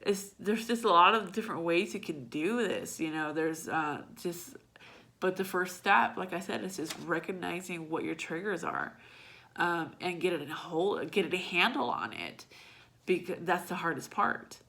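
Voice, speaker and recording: Low-pitched woman, candid and bright-toned. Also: normal speed, creaky. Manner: raw, emotional and blunt, swearing freely. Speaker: vlogger. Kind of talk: candid personal vlog.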